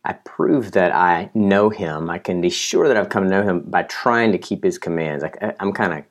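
A man's voice: low voice, animated, normal speed. A man co-hosting a podcast, talking through a Bible passage in a casual, reflective, self-deprecating way with frequent restarts. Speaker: podcast co-host. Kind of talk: casual Bible study discussion.

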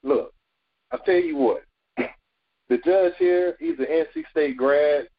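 A man acting out a stern male highway cop who gives clipped, gruff orders. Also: very animated, takes it slowly, muffled recording, heavily acted.

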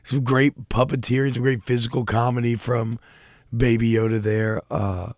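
Young male podcast co-host, gravelly, dry close sound, rambling and self-deprecating. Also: mid-range voice, flat delivery, moderate pace, dry recording. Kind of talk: casual chat about a TV show.

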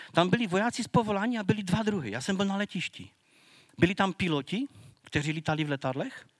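A man preaching, his voice pitched high for a man. He talks earnestly and conversationally and sometimes restarts his words. The sound is dry and close, with no room echo. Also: fairly bright tone. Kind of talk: sermon.

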